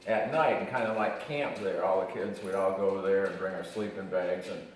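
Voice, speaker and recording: A man's voice: low-pitched, fairly even intonation, fairly quick. Echoey, distant older American man reminiscing. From Michigan, United States. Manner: old man telling childhood stories, explaining simply. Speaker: grandfather being interviewed. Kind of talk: casual reminiscing interview. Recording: echoey room, distant mic, faint noise.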